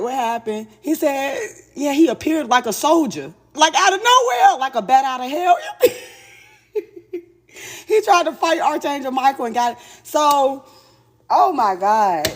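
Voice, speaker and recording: A woman with a somewhat high voice runs a live tarot reading stream. She talks in a casual, slangy storytelling way, exclaiming and laughing often as she goes. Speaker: tarot reader.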